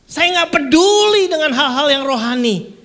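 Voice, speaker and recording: Preacher doing a lost soul in hell, high and pleading, sorry for a wasted life. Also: expressive, normal speed, a bit bright. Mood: regretful. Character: regretful damned soul lamenting in hell.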